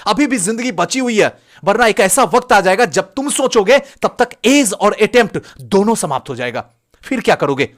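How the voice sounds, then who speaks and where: A man's voice: high-pitched, fairly bright tone. A male coaching teacher from Bihar, speaking Hindi with a Bihari accent, gives a fervent motivational lecture to exam aspirants, exhorting them and firing off rhetorical questions.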